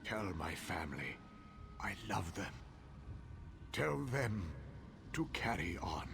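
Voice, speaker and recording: Dying townsman, weak gasps, solemn, slow, fantasy game drama, noisy background. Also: deep voice, big pitch swings, gravelly, full character voice. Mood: dying, gasping. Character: dying townsman, solemn, anguished, bound to vengeance.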